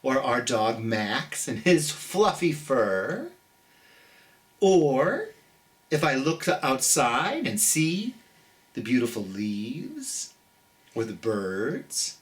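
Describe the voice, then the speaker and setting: A middle-aged host of a children's storytime chats and reads aloud in a gentle, theatrical way, addressing young listeners directly and drawing out words for emphasis. The voice is medium in pitch and very animated.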